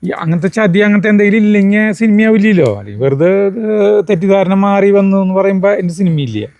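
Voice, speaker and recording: A man hosting a family vlog, chatting casually outdoors at home on a windy day, giving short replies and halting explanations. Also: high-pitched, animated, a little mellow, no room sound. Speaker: vlog host and filmmaker. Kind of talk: casual chat.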